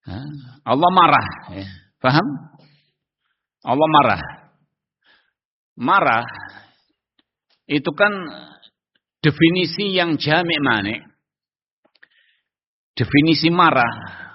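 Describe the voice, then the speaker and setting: A man giving a religious study lecture as a preacher, often asking his listeners whether they understand and posing rhetorical questions. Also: fairly high pitch. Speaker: Islamic preacher. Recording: dull sound in long-reverb hall.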